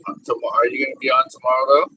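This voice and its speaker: A man's voice: medium pitch, level tone, rapid-fire, sharp tone, slightly rough, no room sound, poor audio. A man chatting casually with a streamer friend, laid-back, answering in short phrases. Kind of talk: casual chat.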